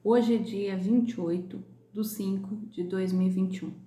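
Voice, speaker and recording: A woman from Brazil teaching young pupils in a recorded class lesson, sounding out words slowly and clearly. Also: medium pitch, fairly even intonation, mellow, echoey room. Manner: slow, clear, drawn-out pronunciation of sounds. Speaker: primary school teacher.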